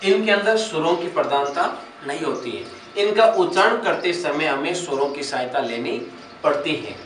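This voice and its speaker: A male teacher with a fairly high voice gives an exam-prep grammar lecture. He explains each point step by step, repeats key phrases and asks rhetorical questions. He is recorded in an echoey room with the mic set back from him. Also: lively intonation, normal speed, fairly bright tone, recorded from a distance, slight background noise. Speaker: Sanskrit teacher.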